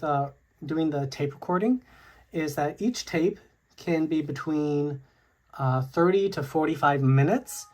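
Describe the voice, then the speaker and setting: A tech video host casually walks viewers through a product tutorial, speaking in a hesitant, halting, informal way. His voice is medium-pitched.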